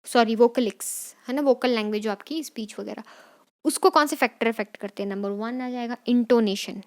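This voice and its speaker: Casting: woman teacher, a touch high-pitched, revising exam answers, mixing Hindi and English, repeating key points. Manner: dictates English definitions slowly.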